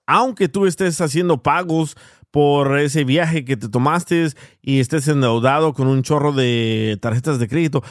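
A man chatting casually as co-host, giving relaxed, joking commentary. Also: on the high side, unhurried, dry recording, clean studio sound. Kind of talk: casual chat.

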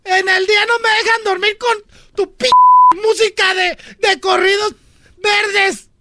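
A woman playing a loud, scolding mother of three in a radio comedy sketch, yelling and cursing at her kids. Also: very high voice, normal speed, noisy background. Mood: weepy. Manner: yelling, cursing, tearful rants.

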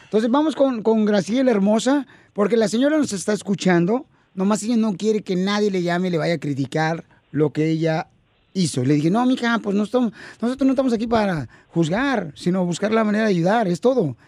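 A man hosts a call-in radio show and keeps calling his callers sweetheart. His voice sits high, and the studio sound is dry and close. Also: fairly quick, darkish tone, no echo. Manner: affectionate, calls callers "mi amor" and "hermosa".

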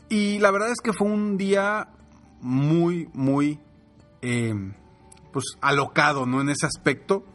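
A man's voice: on the high side, fairly bright tone. A man with a Mexican Spanish accent, in his thirties, giving a motivational talk on leadership through a family story and acting out the voices in it. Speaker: leadership speaker.

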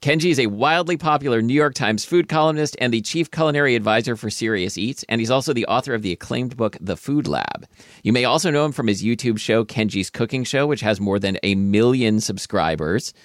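A man's voice: mid-range voice, lively intonation, fairly quick, dry recording, studio quality. A middle-aged man co-hosting a podcast, moving between introductions and casual banter. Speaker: podcast co-host.

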